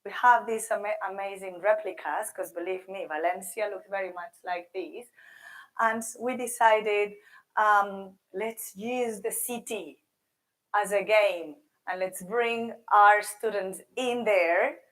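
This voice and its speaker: A woman's voice: medium pitch, fairly even intonation, takes it slowly, fairly bright tone. Woman presenting with a sore, swollen-throat voice. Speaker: language teacher and presenter. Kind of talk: seminar presentation of a virtual project.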